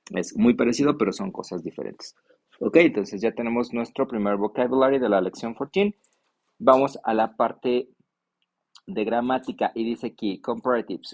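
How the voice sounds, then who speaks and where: Guy teaching english, reads words out slow one by one. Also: medium pitch, gravelly. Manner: mixes Spanish and English, slow deliberate vocabulary drills. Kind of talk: online class lecture.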